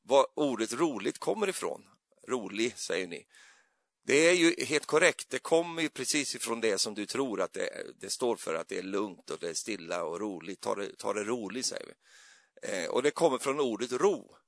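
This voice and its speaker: Man, gravelly voice, dry close sound, rambling chatty preacher, lots of filler. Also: medium pitch, very animated, fairly bright tone, no room sound. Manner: rambling, hesitant, jokey with frequent fillers. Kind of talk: conversational sermon. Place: church.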